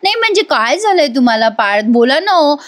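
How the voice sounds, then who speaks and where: A woman's voice: high voice, sing-song, brisk. A woman voicing a talkative young wife who keeps pleading with her silent husband, repeating her questions. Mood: coaxing. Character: young wife, chatty, coaxing, pestering her sulking husband. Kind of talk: re-enacting serial dialogue in a voice-over review.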